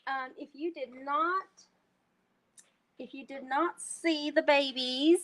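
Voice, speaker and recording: Southern woman, Texan twang, slightly high voice, casual craft-stream host. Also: slow. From North Texas, USA. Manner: chatty, folksy, talks to viewers as y'all. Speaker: host demonstrating card making.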